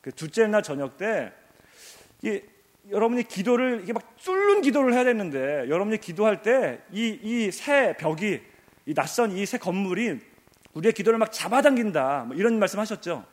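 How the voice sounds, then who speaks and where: A man's voice: high-pitched, very animated, moderate pace, in a large hall. A male pastor preaching a sermon, emphatic and repetitive, asking rhetorical questions, in a church sanctuary.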